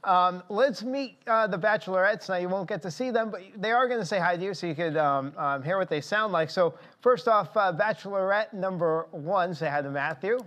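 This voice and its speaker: A man's voice: high voice, fairly quick, few pauses, fairly bright tone. A man hosting a live dating game show, bantering with contestants in a playful, teasing way.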